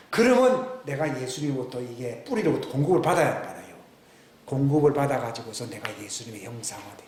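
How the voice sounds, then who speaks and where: A man, preaching a sermon as pastor, swinging between loud emphatic questions and hushed, near-whispered asides. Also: medium pitch. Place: church sanctuary. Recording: echoey church room with faint background hiss.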